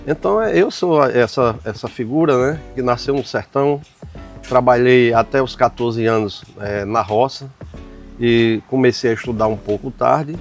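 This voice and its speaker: An older man from the Paraíba backlands, an author answering interview questions reflectively, often pausing on "né". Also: medium pitch, faint music behind. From Paraíba sertão, Brazil. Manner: reflective, frequent "né" tags and pauses.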